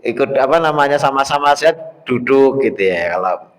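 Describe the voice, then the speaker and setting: Lively male preacher in a reverberant hall. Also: medium pitch, normal speed. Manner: lively storytelling, acts out quoted voices. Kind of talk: religious study lecture. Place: mosque study hall.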